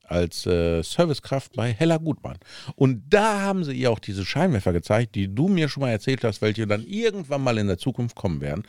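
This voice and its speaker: A man's voice: mid-range voice, very animated, fairly quick, darkish tone, dry recording, studio quality. A middle-aged man in casual chat, telling anecdotes with frequent chuckles and tag questions. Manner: chuckling anecdote-teller, tags sentences with "ne".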